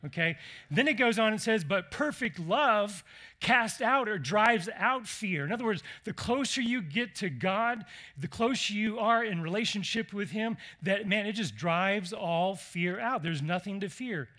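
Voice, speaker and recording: A man preaching a sermon as pastor, animated and conversational, putting questions to the congregation. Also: sits high, unhurried. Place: church.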